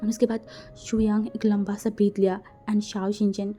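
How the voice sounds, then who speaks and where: Mellow-voiced woman narrating a story. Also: medium pitch, flat delivery, moderate pace, soft background music. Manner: casual, conversational retelling. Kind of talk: fan fiction narration.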